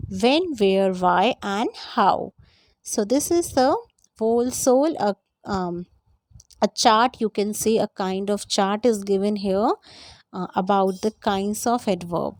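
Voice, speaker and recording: A woman's voice: mid-range voice, darkish tone, dry recording. Woman teaching grammar, dry sound. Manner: explains step by step, repeats points; lists examples slowly one by one. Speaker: English teacher. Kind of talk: grammar lesson.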